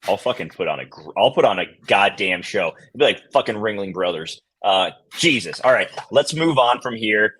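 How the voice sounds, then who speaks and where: A man's voice: fairly low pitch, animated, normal speed, few pauses, fairly bright tone, breathy edge. A man co-hosting a markets show, talking loosely with hesitations, jokes and swearing. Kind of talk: casual market chat.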